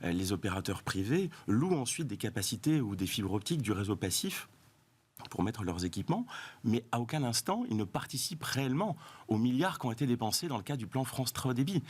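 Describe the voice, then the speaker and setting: A man interviewed as a guest on a TV set, explaining his case in an assured, fast-flowing way. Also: medium pitch, very animated, slightly rough. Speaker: telecom company president, guest.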